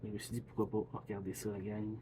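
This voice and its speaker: A man's voice: lowish voice, completely flat delivery, quick pace, background noise. A man with a Québécois accent chatting casually as he reacts to a video, rambling and chuckling. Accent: Québécois French. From Quebec. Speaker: YouTube reaction host.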